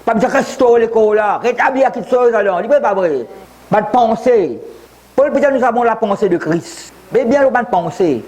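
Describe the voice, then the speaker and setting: A man's voice: high-pitched, expressive, brisk, a little mellow. A man in his seventies, a pastor from Mauritius, preaching a sermon with many repetitions and asides. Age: 70s. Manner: preaching with repetitions, switching briefly into English.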